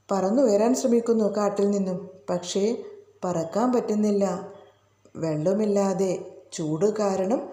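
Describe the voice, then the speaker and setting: Slow, mellow-voiced woman teacher. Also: medium pitch. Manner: asks pupils rhetorical questions. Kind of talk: explaining a school lesson to children. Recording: roomy echo.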